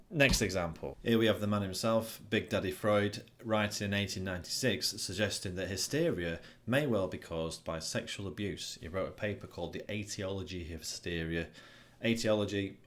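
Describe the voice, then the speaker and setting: A therapist giving an informal recorded lecture, talking bluntly and conversationally with frequent ums. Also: male voice, low voice, moderate pace, hardly any pauses, fairly bright tone. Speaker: person-centred therapist.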